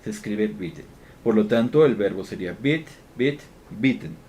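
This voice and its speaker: A man's voice: fairly low pitch, lively intonation, normal speed, a little mellow. A man teaching English grammar from slides, patient and step by step, often checking in with the class, with faint background noise. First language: Spanish. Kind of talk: slide-based grammar lesson.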